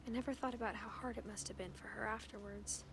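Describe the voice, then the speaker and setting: A young woman narrating a game in a soft, hushed, wistful voice. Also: medium pitch, steady tone, fast talker, vocal fry, background noise, lightly acted. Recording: narration over game music.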